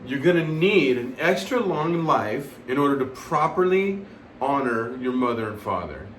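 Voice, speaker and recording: A man's voice: medium pitch, sing-song, fairly bright tone, far from the mic. Male comic host, loose rambling joke delivery full of ums, slight room echo, faint noise behind. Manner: rambling, halting delivery with many fillers and laughs at own jokes. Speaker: comedy host telling jokes. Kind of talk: casual joke telling. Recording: roomy sound from away from the mic, faint background noise.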